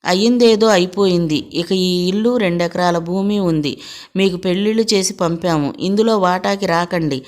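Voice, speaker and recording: A stern aging mother from a village household scolds her grown daughters, bitter and sorrowful at once, as a woman narrator reads her. The voice sits low and stays close to plain storybook reading. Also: moderate pace, a little mellow, close to an everyday voice. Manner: scolding, lamenting.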